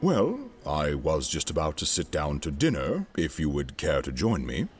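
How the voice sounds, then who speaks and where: Guy acting a haughty space empire governor, really deep voice, formal and theatrical, audio drama with music under it. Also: huge pitch swings, normal speed, heavily acted. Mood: guarded. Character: brooding, haughty male imperial governor with dark secrets.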